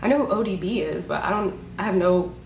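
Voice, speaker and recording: A woman's voice: medium pitch, quick pace, creaky, darkish tone, echoey room, a little hiss or hum. A woman in her twenties chatting casually to camera, joking and laughing often. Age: 20s. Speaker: beauty vlogger. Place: indoors, a room in Los Angeles.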